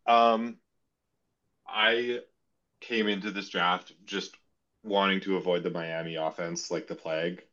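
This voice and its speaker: A man's voice: sits low, fairly even intonation, measured pace, pauses often, pushed and bright. A man in a casual sports podcast chat, wavering and second-guessing his own opinions, on a dull lo-fi recording. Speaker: podcast panelist. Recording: dull lo-fi sound.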